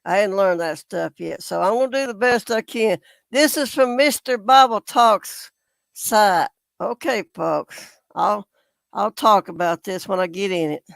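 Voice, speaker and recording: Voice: mid-range voice, measured pace, creaky, a bit bright, dry recording. A YouTube commentator talking casually and indignantly to viewers, reading out comments and calling them ridiculous. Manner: indignant, exasperated, repeatedly addresses viewers as folks.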